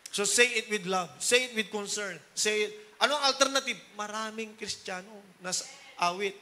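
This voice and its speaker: A man's voice: high voice, moderate pace, sharp tone. A middle-aged man from the Philippines preaching a Sunday sermon, switching between Tagalog and English and often asking the congregation for agreement. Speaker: pastor.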